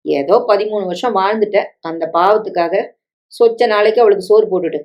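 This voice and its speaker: A woman's voice: medium pitch, brisk, darkish tone, close to an everyday voice. A woman voicing a scheming middle-aged stepmother who coaxes, pleads and guilt-trips, in a story reading with dialogue. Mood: pleading. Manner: coaxing, pleading, guilt-tripping.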